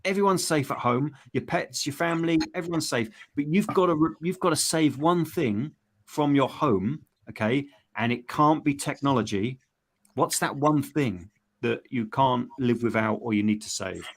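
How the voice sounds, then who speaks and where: A man's voice: medium pitch, moderate pace. A man hosting a group challenge in casual chat, putting questions in a chummy, prompting way and repeating his phrases.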